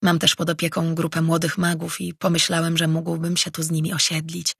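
A narrator voicing an earnest male mage who travels between worlds, read as an audiobook character in a measured way. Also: mid-range voice, monotone, creaky, slightly rough, no room sound, clean studio sound.

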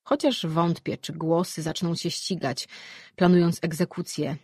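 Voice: mid-range voice, fairly even intonation, unhurried, a little mellow, husky, dry recording, clean studio sound. A reader voicing Surim, a blunt, sardonic immortal man, in a fantasy audiobook.

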